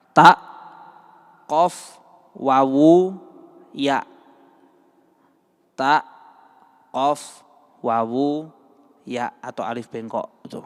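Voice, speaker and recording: Javanese man teaching in echoing mosque. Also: a little high. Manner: humorous, acts out sample prayers in a pleading voice. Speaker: religious teacher. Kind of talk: religious study lecture. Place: large mosque hall. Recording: long mosque reverb.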